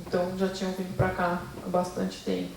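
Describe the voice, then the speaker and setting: A woman with a Brazilian Portuguese accent presents her research at a seminar, hesitating often with fillers and restarts as she asks for the next slide. Her voice is lowish, gravelly and darkish, monotone and a little fast. The echoey hall puts her far from the mic, with a bit of hiss or hum.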